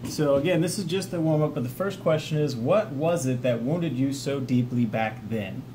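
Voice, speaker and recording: A man with a mellow, mid-range voice talks at a normal speed, hosting a vlog as a peer mentor for coping with trauma. His tone is casual, plain-spoken and encouraging as he gives informal instruction, partly read from notes. The ambient background is clearly noisy.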